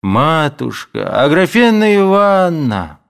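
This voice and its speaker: A whining, imploring manservant pleads in a high, strained voice that swoops wildly up and down, as a man puts him on. He sounds lovesick and anxious, in a storybook reading. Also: expressive, slow pace, creaky, heavily acted. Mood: pleading.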